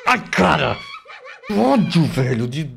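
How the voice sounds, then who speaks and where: A man's voice: big pitch swings, unhurried, vocal fry, noisy background. Jumpy Brazilian man swearing at a game. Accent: Brazilian Portuguese. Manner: jumpy, swearing, bursts of squeaky baby talk. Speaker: gameplay streamer. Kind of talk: let's play commentary.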